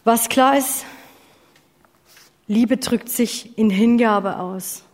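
A woman's voice: fairly high pitch, extremely slow. A woman delivering a sermon, earnest and direct, asking her listeners questions and now and then correcting herself. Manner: self-correcting, apologizes for slips. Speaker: preacher. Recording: long hall reverb.

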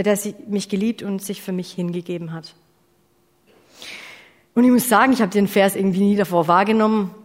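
A woman delivering a sermon, earnest and direct, asking her listeners questions and now and then correcting herself. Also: mid-range voice. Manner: self-correcting, apologizes for slips. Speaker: preacher. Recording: long hall reverb.

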